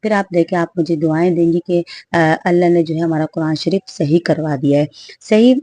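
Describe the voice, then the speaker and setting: A woman's voice: on the low side, mellow, dry recording. A woman with a Pakistani Urdu accent giving an online tajweed lesson, explaining earnestly and repeating points, with many fillers. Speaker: Quran tajweed teacher.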